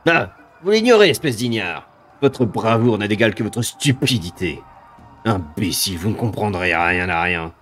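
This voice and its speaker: A man voicing a ravenous demon from a video game, a haughty dark lord who taunts with drawn-out, mocking menace. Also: lowish voice, expressive, faint music behind. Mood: scornful. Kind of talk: dramatic video game villain read aloud.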